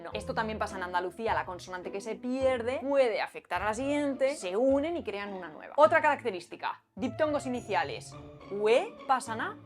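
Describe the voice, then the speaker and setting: A woman's voice: fairly high pitch, moderate pace. Playful Spanish woman explaining language. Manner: lively, playful, rhetorical questions. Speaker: linguistics video host. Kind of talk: scripted educational explainer. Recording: light background music.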